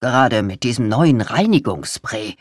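Reader plays a defensive, self-important older husband; lively, dry. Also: male voice, mid-range voice, measured pace, dry recording. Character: fussy older husband fixing bikes.

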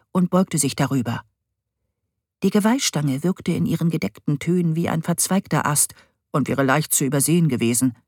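A woman reads a story aloud in a lively, expressive way. Her pitch moves a great deal from line to line. The recording is dry and close. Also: slightly rough, dry recording. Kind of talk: storybook reading.

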